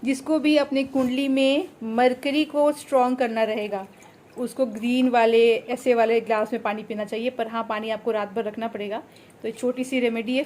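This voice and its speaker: Young female home vlogger, high voice, chatty running commentary. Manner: chatty, narrates events to the viewers. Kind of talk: casual home vlog chat. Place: home balcony at night.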